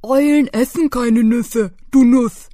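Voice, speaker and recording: A woman's voice: on the high side, fairly even intonation, slow, warm tone, no echo, studio quality, pitched above the performer's own voice. A woman voicing a chubby male mole in a children's storybook, blunt and cheeky.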